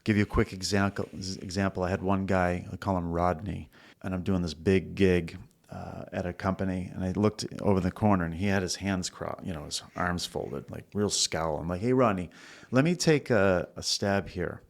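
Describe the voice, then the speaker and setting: A middle-aged man, a leadership coach, telling lively anecdotes in a relaxed podcast chat and acting out the people he quotes. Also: low-pitched, normal speed, vocal fry. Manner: animated storyteller who acts out quoted people, laughs easily. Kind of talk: casual podcast conversation.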